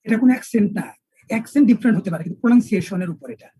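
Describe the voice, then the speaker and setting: A male English teacher, lecturing an online class and spelling words out slowly with repeated examples. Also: sits high, mellow, slightly rough, no echo, poor audio.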